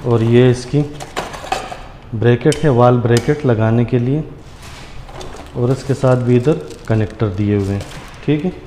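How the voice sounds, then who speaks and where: The host, a man with a mid-range voice, takes a measured pace and pauses often while casually explaining a hands-on task step by step to viewers as friends. It's shot indoors at a granite counter in a tiled room, and the audio is echoey and noisy.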